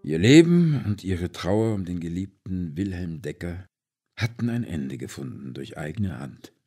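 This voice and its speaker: A man narrating a space adventure audiobook. His voice sits on the low side and he tells the story dramatically, leaning hard on key words. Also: very animated, unhurried, dark tone, husky, soft background music. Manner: dramatic storytelling with varied emphasis. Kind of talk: scripted narration.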